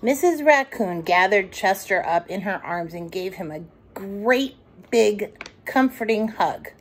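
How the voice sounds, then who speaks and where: Slow, expressive woman storyteller. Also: mid-range voice, a little hiss or hum. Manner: gentle, expressive, addressing young children. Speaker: children's storytime reader. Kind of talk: expressive picture-book narration.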